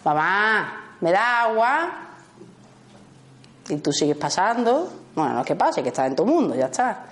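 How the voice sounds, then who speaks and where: Lively Spanish woman teaching a group. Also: sits low, fast talker. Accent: Spanish from Spain. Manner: lively, often checks in with "¿vale?" and acts out short dialogues. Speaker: workshop teacher. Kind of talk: talk to a small group.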